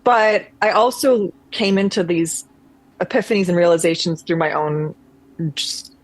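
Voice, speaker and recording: Fairly low in pitch and a little slow, a woman's voice comes through poor audio. She is a conservatory-trained actress, a guest on a video call, offering reflective, meandering thoughts with frequent restarts.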